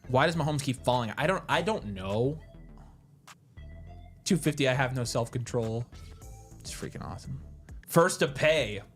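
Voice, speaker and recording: A man co-hosting a casual livestream, chatting excitably with quick asides and frequent restarts. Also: medium pitch, faint music behind. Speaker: livestream co-host.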